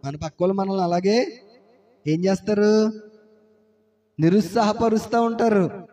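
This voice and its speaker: A male pastor delivers an impassioned sermon with a high-pitched voice. He drives his points home through repeated phrases and rising exhortations. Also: unhurried, dark tone.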